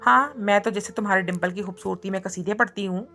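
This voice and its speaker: A woman's voice: medium pitch, fast talker, sharp tone, soft background music. A woman voicing a feisty young woman who scolds and protests indignantly in a read-aloud story. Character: feisty young woman, sharp-tongued captive.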